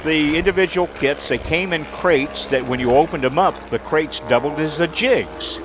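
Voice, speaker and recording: A man's voice: a little high, normal speed, background noise. A man co-hosting a podcast outdoors at an airfield, talking knowledgeably about aircraft with dry asides. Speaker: podcast co-host. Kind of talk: casual outdoor podcast chat.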